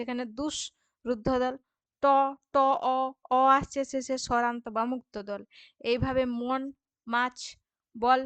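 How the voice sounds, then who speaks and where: A woman's voice: on the high side, fairly bright tone, clean tone, no echo. A woman teaching a school grammar lesson, patient and repetitive, often stopping to check that students follow. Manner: patient, repeats examples and asks checking questions. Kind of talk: classroom lesson explaining grammar.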